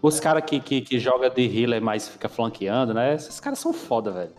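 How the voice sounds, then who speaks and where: In a large hall with faint music in the background, a young man with a Brazilian Portuguese accent chats casually at a brisk pace. His medium-pitched voice carries animated stories full of slang and swearing.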